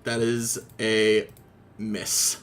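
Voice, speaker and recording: A man running a tabletop game as game master, excitable, laughing often and swearing freely. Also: fairly low pitch, very slow, smooth.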